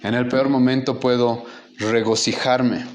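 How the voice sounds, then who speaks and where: A man's voice: medium pitch, level tone, unhurried. A man preaching a sermon as pastor, impassioned and rising in volume for emphasis.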